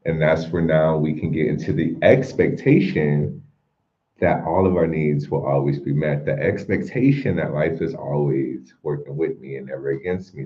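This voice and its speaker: Very deep-voiced man explaining calmly. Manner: calm, explanatory, affirming. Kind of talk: casual spiritual chat. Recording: dull lo-fi audio.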